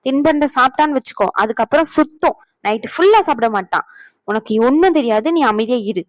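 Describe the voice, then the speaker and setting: A woman's voice: high-pitched, lively intonation, no echo. A woman voicing a strict young mother, a doctor, who scolds and nags her child. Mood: nagging. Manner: scolding, nagging, rapid-fire.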